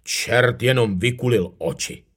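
A man reading a children's fairy tale aloud in an expressive, animated way. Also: mid-range voice. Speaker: narrator.

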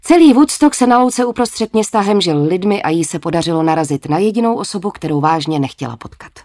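A woman's voice: on the low side, expressive, darkish tone, no echo, studio quality. A woman narrating a novel as an audiobook, with a wry, lightly ironic tone.

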